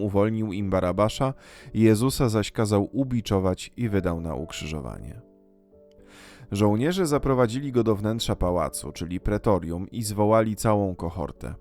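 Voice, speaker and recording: Low-voiced man solemnly reading scripture. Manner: measured, unhurried, reverent delivery. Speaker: scripture reader. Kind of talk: solemn liturgical Gospel reading. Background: soft guitar music.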